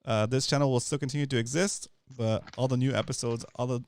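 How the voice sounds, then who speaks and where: A man's voice: medium pitch, steady tone, fast, smooth, no room sound. Laid-back man hosting a fishing stream. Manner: laid-back, short reactions, announcements. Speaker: fishing talk show host. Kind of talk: casual live-stream chat.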